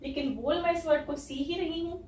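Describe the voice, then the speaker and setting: High-voiced woman teaching in an echoey room. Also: steady tone, a little mellow, far from the mic. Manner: slow, repeats words and asks the class questions. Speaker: English teacher. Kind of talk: classroom lesson.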